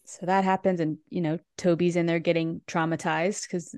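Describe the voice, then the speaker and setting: A woman's voice: on the low side, flat delivery, normal speed, a little mellow, no echo, clean studio sound. A woman co-hosting a podcast, recapping a musical in casual, rambling chat full of restarts. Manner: chatty, lots of "like" and restarts. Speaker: podcast co-host.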